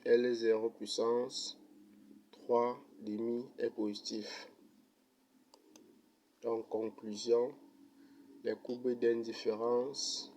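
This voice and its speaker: A man's voice: medium pitch, slight background noise. A man explaining an economics derivation step by step in a methodical lesson, ending with thanks and a sign-off. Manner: slow, methodical, even delivery. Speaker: economics teacher.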